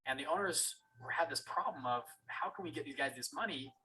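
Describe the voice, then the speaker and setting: A man teaching a trading course on a video call, telling a personal story with animated energy, acting out the dialogue and often restarting his sentences. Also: a little high, fairly quick, a little hiss or hum, poor audio.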